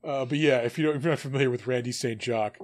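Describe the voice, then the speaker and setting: A man's voice: medium pitch, very fast, a little mellow. A man co-hosting a casual chat, laid-back, laughing often and swearing freely. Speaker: podcast co-host.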